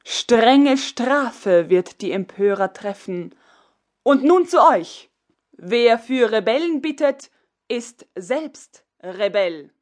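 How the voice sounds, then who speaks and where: A woman's voice: on the high side, expressive, slow, darkish tone. Woman voicing a stern commanding empress. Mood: cold. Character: imperious Russian empress, proud and cold.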